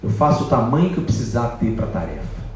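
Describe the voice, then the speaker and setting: A man's voice: medium pitch, sing-song, quick pace, slight background noise, close to an everyday voice. A man voicing Hanuman, a humble, devoted monkey hero who speaks modestly and respectfully. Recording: echoey hall from far off.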